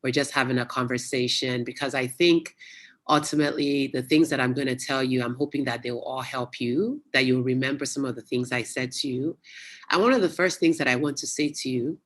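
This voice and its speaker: A guest speaker giving a casual, chatty motivational talk to young people over a video call, telling stories with lively exclamations. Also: mid-range voice, a little fast. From United States. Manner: chatty, animated storyteller with local exclamations. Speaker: guest speaker at youth webinar.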